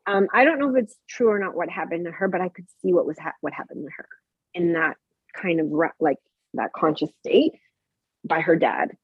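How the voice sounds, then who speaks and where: A woman in her thirties tells a candid personal story in a breathy, slightly husky voice. She gets animated and acts out remembered dialogue. The sound is close and dry, with a dull, muffled tone. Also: lowish voice, a little fast, no room sound. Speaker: podcast guest.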